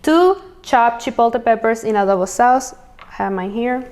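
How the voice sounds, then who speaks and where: At a normal speed, a cooking channel host from Venezuela chats upbeat and casually while preparing meals, naming ingredients along the way. Her fairly high voice is animated and a little mellow.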